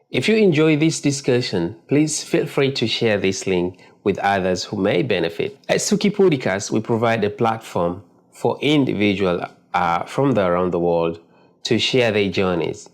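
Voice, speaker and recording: A man hosting a podcast interview, speaking in a formal, courteous way. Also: fairly low pitch. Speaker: podcast host.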